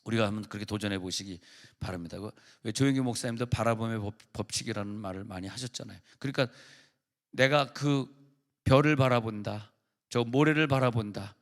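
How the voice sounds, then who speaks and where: A man's voice: lowish voice, brisk. A man preaching a sermon as pastor at a church revival service, speaking in a conversational way with stories and acted-out quotes.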